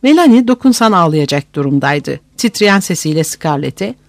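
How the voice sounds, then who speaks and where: A narrator reading a novel aloud in an expressive, dramatic manner. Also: medium pitch, normal speed, vocal fry, no room sound. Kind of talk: audiobook narration.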